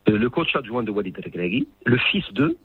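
A man's voice: mid-range voice, huge pitch swings, fairly quick, breathy edge. A man giving football analysis on a radio show over the phone, emphatic and full of hesitations. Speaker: football pundit. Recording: tinny phone line.

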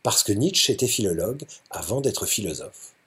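A man's voice: on the low side, expressive, normal speed, fairly bright tone. A man voicing a serious, composed young woman tutor who asks precise questions in a storybook reading. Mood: measured.

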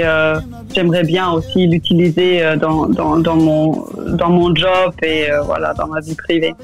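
A young woman with a German accent speaking French, answering radio interview questions in a hesitant way and often repeating words. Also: fairly low pitch. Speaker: interview guest.

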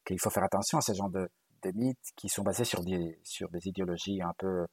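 A middle-aged man with a Spanish accent talks through his ideas slowly, often pausing on fillers and restarting his phrases. His voice sits low and a little husky, and the sound is dry and close, with almost no room around it. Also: a little mellow, no echo. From Galicia, Spain. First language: Galician. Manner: thoughtful, hesitant with frequent fillers and restarts. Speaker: guest linguist. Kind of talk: conversational interview.

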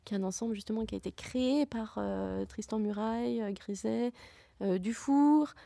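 A woman's voice: fairly high pitch, normal speed, vocal fry, dark tone, no room sound. A woman talking casually as a guest about contemporary music, hesitating often with fillers and restarts. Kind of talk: casual radio chat.

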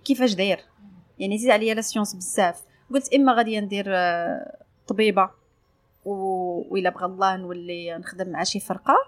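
A woman with a Moroccan Arabic accent, telling her story casually as an interview guest and mixing French phrases into her speech. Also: on the high side. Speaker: interview guest, sports journalist.

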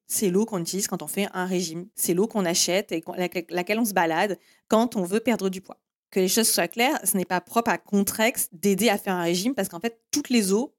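A woman with a mid-range, slightly mellow voice hosts a solo marketing podcast. She explains things step by step in a direct way, gives listeners firm instructions, and often says "en fait" and "eh bien".

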